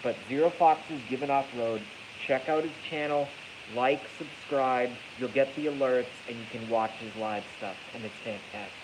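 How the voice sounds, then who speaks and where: A man with a stuffy, congested voice of medium pitch delivers a casual, rambling livestream monologue at a moderate pace. He's blunt and profane and repeats phrases for emphasis, streaming from an echoey garage at night on an iPhone he moves closer during the stream, so the recording is hissy and noisy.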